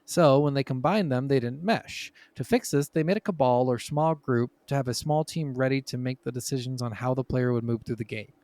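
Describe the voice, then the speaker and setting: Casual storytelling about video games comes from a man hosting a gaming podcast, cursing freely as he talks. He speaks briskly with few pauses, his mid-range voice a little mellow and free of echo.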